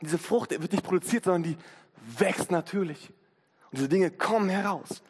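A man's voice: sits high, moderate pace, slightly rough. A man in his twenties preaching a sermon in a casual, slangy way, acting out inner voices, recorded in a church hall. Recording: long hall reverb.

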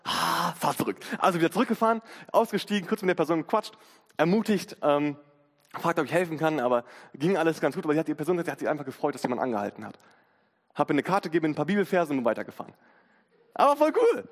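A man's voice: fairly high pitch, lively intonation, very fast. A man in his twenties preaching a sermon in a casual, slangy way, acting out inner voices, recorded in a church hall. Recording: long hall reverb.

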